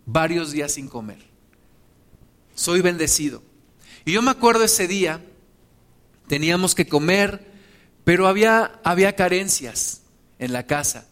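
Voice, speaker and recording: A man preaching a sermon, swelling to emphatic pleas and dropping to hushed, slow lines. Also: on the high side. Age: 40s.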